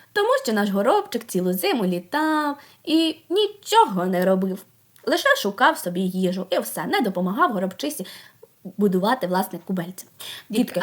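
A woman teaching a group of young children, asking coaxing questions, praising them and sounding out words slowly. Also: medium pitch. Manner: slow, drawn-out sounding out of words. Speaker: preschool teacher.

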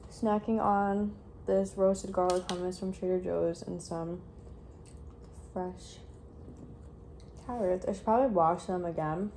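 A woman's voice: on the low side, fairly even intonation, dark tone. Young woman vlogger, chatty and upbeat, phone held at arm's length, noisy recording. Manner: chatty, upbeat, quick asides to camera. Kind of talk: casual vlog chat. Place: beach outdoors and home rooms. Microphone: handheld phone camera at arm's length.

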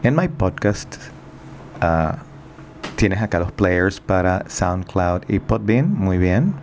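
A man as a teacher giving recorded feedback on a student's project, calm and methodical, thinking aloud with fillers. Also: low voice, slow, slight background noise.

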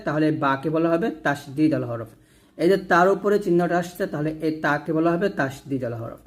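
A man with a rather high voice teaches a step-by-step recitation lesson. He speaks, spelling out each letter slowly and then blending the letters into words for his viewers to repeat. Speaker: Quran reading teacher.

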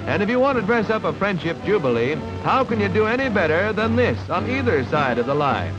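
An old newsreel narrator, a man with a high, sing-song delivery that rides up and down. He keeps his patter breezy and jokey. The sound is dull and lo-fi like 1940s film, with loud music under him. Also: very animated, brisk. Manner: breezy, jocular announcer patter.

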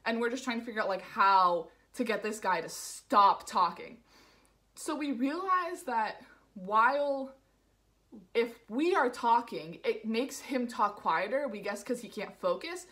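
A woman's voice: fairly high pitch, animated, a little slow, bright, forceful tone. A young woman from the New York area telling a casual vlog story, rambling and full of "like" fillers. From New York area, USA. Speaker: vlogger.

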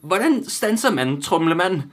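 A man voicing a cheerful young cub, the hero of a children's storybook, in a high, gleeful voice. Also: very animated, a bit bright, soft background music.

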